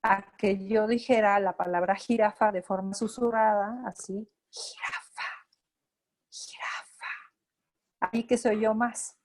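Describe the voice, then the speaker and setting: Una mujer con acento mexicano, terapeuta auditivo-verbal, da una clase a residentes y explica con ejemplos prácticos. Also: female voice, medium pitch, fairly even intonation, normal speed, a little mellow. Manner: explanatory, acts out examples of talking to children. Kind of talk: lecture.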